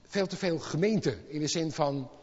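Impassioned preacher in a reverberant hall. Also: male voice, a little high, normal speed, lo-fi sound. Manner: impassioned, rising to loud exclamations. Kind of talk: sermon. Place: church hall.

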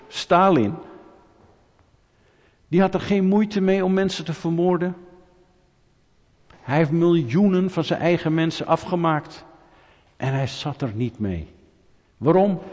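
A man preaching to his congregation, throwing rhetorical questions at the room and teasing people in the pews. His voice sounds slightly husky and rings out with a long reverb through a church hall. The sound is dull and muffled. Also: fairly high pitch. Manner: lively, rhetorical, asks the audience questions, jokes with them. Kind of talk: sermon.

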